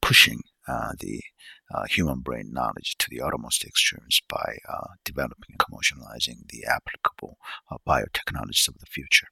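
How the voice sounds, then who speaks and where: A man giving a casual unscripted lecture, halting with many fillers and stopping to check how words are pronounced. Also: a bass voice, animated, gravelly, sharp tone, slightly rough, dry recording. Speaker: solo video lecturer.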